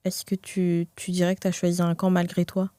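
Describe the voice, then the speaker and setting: A woman hosting a podcast, asking gentle, probing questions in a casual way with frequent fillers. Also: on the low side, completely flat delivery, normal speed, no room sound, clean studio sound. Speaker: interviewer.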